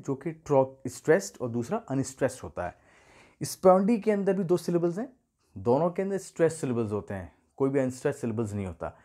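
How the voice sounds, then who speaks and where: A man teaching literature in a video lesson, patiently explaining and repeating key terms with slow emphasis. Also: fairly high pitch, warm tone.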